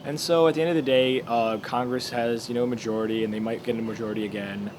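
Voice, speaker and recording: A man's voice: mid-range voice, steady tone, fast, noisy background. A teenage boy talking casually as a student interviewee, explaining with many fillers and restarts. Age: teens.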